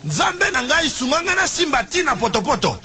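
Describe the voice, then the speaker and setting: A man playing a shrill, bumbling church interpreter. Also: sing-song, normal speed, pushed and bright, heavily acted. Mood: earnest, blundering. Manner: eager, confidently mistranslating. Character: bumbling male church interpreter, garbling every line.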